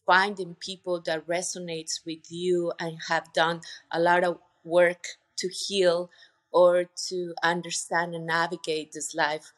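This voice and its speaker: A woman from Colombia with a Colombian accent, speaking earnestly as a podcast guest, with many fillers. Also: fairly low pitch. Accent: Colombian Spanish. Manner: earnest, heartfelt, with frequent fillers. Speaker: podcast guest, retreat center owner. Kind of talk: casual interview conversation.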